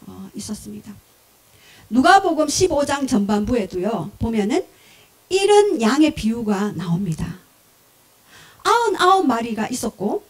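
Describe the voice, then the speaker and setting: A woman pastor preaching a sermon, telling parables in an animated way, acting out short voices and asking the congregation questions. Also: high voice.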